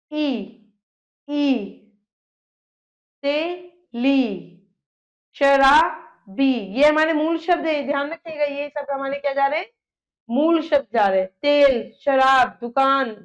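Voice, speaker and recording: A woman with a high voice gives a slow, deliberate grammar lesson. She breaks words into syllables, repeats them and poses questions to the class before answering them herself. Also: poor audio. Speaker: teacher.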